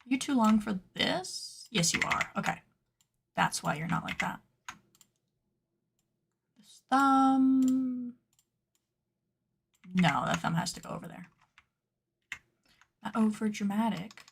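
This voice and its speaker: A woman streaming casually while she works at a computer, playfully dramatic as she scolds her sewing patterns out loud. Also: on the high side, animated, slow pace, gravelly, pauses often, a little hiss or hum. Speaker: cosplay pattern maker and streamer. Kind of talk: casual livestream chat while working at a computer.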